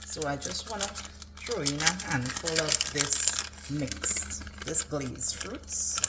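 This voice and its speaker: Heavy background noise surrounds a woman presenting a recipe as a home cook in a casual, step-by-step, instructional demo. She takes it slowly, her deep voice full of lively intonation.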